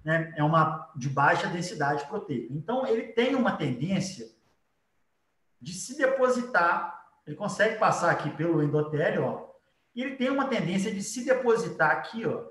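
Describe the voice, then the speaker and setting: High-voiced Brazilian man teaching, echoey room. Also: sing-song, normal speed, a bit bright, recorded from a distance. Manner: conversational, explanatory, frequent tag questions. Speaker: biology teacher. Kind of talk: informal live lecture with drawing.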